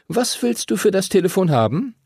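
A man doing a calm clever boy. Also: high-pitched, a little fast, vocal fry, breathy edge, dry recording, clean studio sound, pitched above the performer's own voice, heavily acted. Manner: reasonable, soothing.

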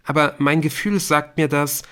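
A man reading an audiobook, voicing an anxious schoolboy who pleads in a hushed, timid voice. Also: on the high side, steady tone, normal speed, smooth, pitched above the performer's own voice, natural voice. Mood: pleading.

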